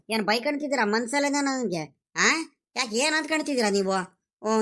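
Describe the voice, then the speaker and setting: A woman voices a cheeky, always-hungry village farmhand in a cartoon, whining and complaining. The voice is high for a man and drawn out. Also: a bit bright. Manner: whiny, complaining, drawn-out pleading. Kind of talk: animated cartoon voice acting.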